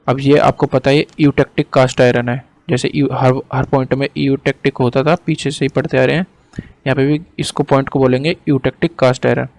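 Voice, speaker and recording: A male teacher lecturing casually over a screen diagram, slowly dictating definitions word by word and then explaining more quickly in between, now and then apologizing for hesitating. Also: mid-range voice, little pitch movement, darkish tone, no echo.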